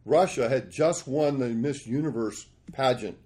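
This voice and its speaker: A man in his sixties, a podcast guest, telling rambling, animated stories about his life. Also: medium pitch, unhurried. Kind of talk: storytelling interview.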